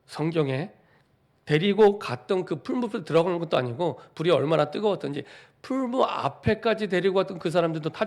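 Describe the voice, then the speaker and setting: A man's voice: sits high, gravelly, a little mellow. A middle-aged man, a pastor, giving a Sunday sermon in a church, repeating phrases for emphasis and asking the congregation rhetorical questions. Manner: repetitive, building emphasis. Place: church sanctuary.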